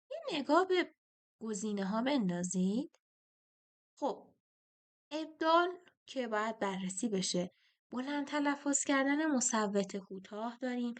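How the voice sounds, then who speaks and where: A woman teacher talking students through a poetry test question, chanting the meter feet slowly. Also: mid-range voice.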